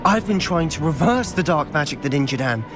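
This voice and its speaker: A man's voice: a little high, lively intonation, a little fast, natural voice. A man playing an obsessive, defiant teenage boy wizard in a dramatic video game scene. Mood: fervent. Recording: music behind. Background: game music.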